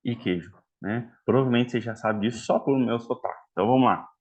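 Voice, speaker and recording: A mineiro man from Minas Gerais, Brazil, with a mid-range voice, speaks fast on lo-fi audio while teaching a live online class for therapists. He's chatty, calls his audience "galera," and keeps checking in with frequent "tá?" and "né?"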